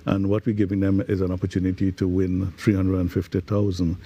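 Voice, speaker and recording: A man explains things as a guest on an interview. His voice is lowish and distinctly mellow, with deliberate phrasing and some searching for words. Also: completely flat delivery, highs cut off. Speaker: guest, digital transformation advisor.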